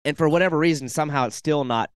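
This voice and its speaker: Smooth-voiced male podcast host. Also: on the high side, rapid-fire, dry recording. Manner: enthusiastic, earnest, with filler "like". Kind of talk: casual chat.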